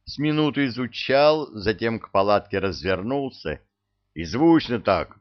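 A man narrating a first-person story as an audiobook, in a sardonic, colloquial and expressive manner. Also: fairly low pitch, a little slow, lo-fi sound.

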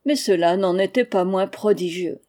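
A woman reading a literary memoir aloud in a measured, expressive audiobook narration. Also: on the low side. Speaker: audiobook reader.

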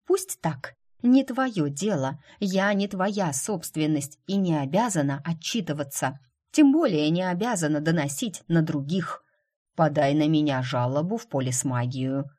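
A prickly, stubborn young woman from an audiobook snaps and protests in a voice lifted high above the woman reader's own low register. She sounds sharp and defiant. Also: sing-song, measured pace, breathy edge. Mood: indignant.

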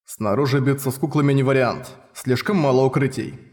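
A man voicing a calm, thoughtful young man who speaks in a measured way. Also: medium pitch, breathy edge, natural voice.

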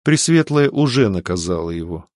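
A man reading an audiobook, voicing an anxious devout priest who speaks slowly and in a hush. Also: low-pitched, very animated, dry recording, clean studio sound. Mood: worried. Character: anxious devout male priest, soft-spoken.

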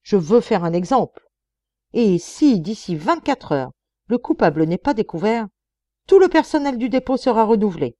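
A woman voicing a hot-tempered middle-aged male prison director, who breaks into loud, indignant outbursts. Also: mid-range voice, very animated, normal speed, no room sound, distant mic, close to an everyday voice. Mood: furious.

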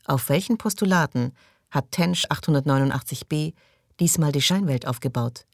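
A man's voice: fairly high pitch, normal speed, gravelly, no room sound, studio quality. A man reading the part of a distraught, lonely young woman in an audiobook, his voice raised and pleading. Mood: anxious, forlorn.

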